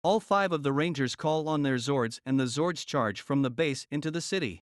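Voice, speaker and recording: A young man narrates a homemade audiobook steadily and plainly. His voice sits fairly high and the recording is dry and close. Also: moderate pace, dry recording.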